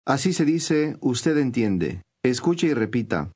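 A man reading scripted instructions for a language course, clear and measured. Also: medium pitch, sing-song, darkish tone.

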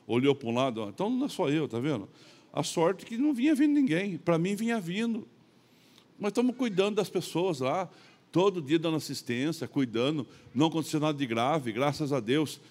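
Pastor, mid-aged guy, preaching in church, kinda high voice, acts out the voices in his story. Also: lively intonation, a little fast. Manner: storytelling, acts out dialogue, swings loud and soft. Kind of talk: sermon.

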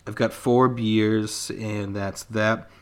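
A man's voice: lowish voice, fairly even intonation, slow, clear, resonant tone. Man in his twenties, podcast co-host, reading aloud, casual, laid-back, laughs a lot.

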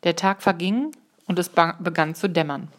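Calm woman narrator reading a children's story aloud, a lower voice, measured pace, fixes her slips. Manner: calm and measured, with small slips she corrects. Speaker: audiobook reader.

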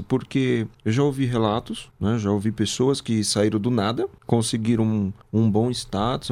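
A man's voice: on the low side, a little mellow. A man with a Brazilian Portuguese accent gives reflective opinions as a guest in casual conversation, often adding tag questions. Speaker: regular podcast guest.

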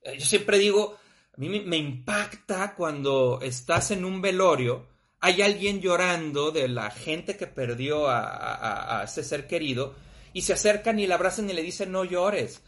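A man's voice: a little high, unhurried. A man with a Mexican accent, talking bluntly and casually about grief, with frequent swearing. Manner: blunt, profane, animated. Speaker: podcast host.

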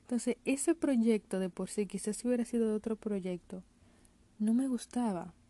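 A woman's voice: on the high side, normal speed, dark tone. A woman, telling a casual personal story to her vlog audience and mixing in English work words. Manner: chatty, mixes in English call-center words. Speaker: vlogger.

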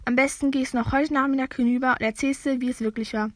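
A woman reading as a stern, brisk older guardian. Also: high-pitched, fairly even intonation, dry recording, close to an everyday voice. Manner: brisk, scolding.

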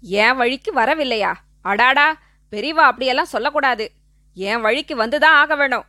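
A woman voicing a vengeful young male outlaw who shouts threats through clenched teeth. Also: high-pitched, normal speed, dry recording, clean studio sound. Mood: menacing.

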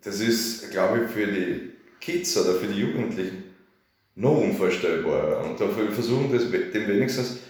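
A man speaks in a low voice, easy and chatty. He explains his festival with loose, rambling sentences and keeps tossing in little tags to draw agreement. The room around him rings with strong echo. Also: expressive, moderate pace, a little mellow. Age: 30s. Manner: chatty, filler-heavy, asks for agreement. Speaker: festival organizer. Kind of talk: casual radio interview. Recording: very echoey room.

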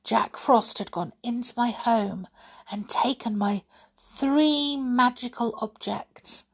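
A woman reading aloud, voicing a kind, gentle girl fairy who is a snow queen, in a soft storybook manner. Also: on the high side, slow pace, creaky, slightly rough, pitched above the performer's own voice, exaggerated voice. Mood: earnest.

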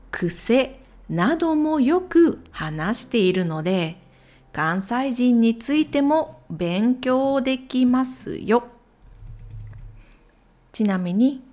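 A woman hosting a solo podcast, talking clearly and unhurriedly, with soft whispered asides. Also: medium pitch. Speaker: podcast host. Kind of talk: scripted solo podcast recommending YouTube channels.

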